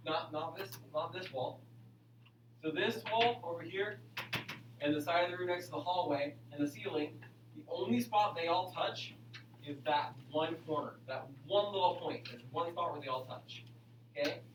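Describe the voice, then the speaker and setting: A male school teacher with a fairly high voice, speaking to a class in a roomy, echoing space. He repeats short instructions and checks in often, prodding students along in the manner of an aerobics instructor. The mic sits at a distance. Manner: repetitive step-by-step explaining, frequent okay check-ins. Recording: echoey classroom, distant mic, faint hum.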